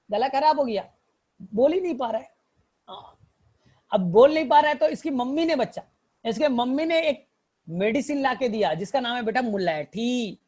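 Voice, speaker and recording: A male teacher tells a story to help students remember plant examples, fondly calling them "child" and checking often that they follow. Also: extremely high pitch. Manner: fond, addresses students as child; repetitive, checks understanding. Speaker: biology teacher. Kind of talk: mnemonic storytelling lesson.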